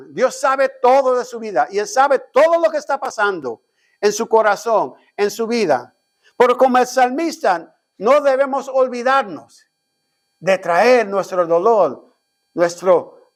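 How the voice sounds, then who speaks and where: A man, preaching a Sunday school sermon as a pastor, often turning to the congregation with amens and questions and acting out his own prayers. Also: extremely high pitch. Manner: dramatizes his own prayers, rising to a shout.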